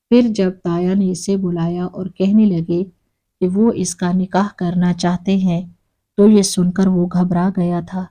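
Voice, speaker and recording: A woman narrating a moral story in the first person with a calm, steady reading manner. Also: fairly low pitch.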